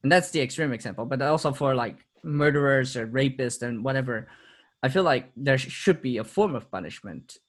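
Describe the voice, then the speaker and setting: A man's voice: mid-range voice, expressive, a little fast. A man talking as a podcast guest in casual interview chat, reflective, laughing often and repeating words as he restarts.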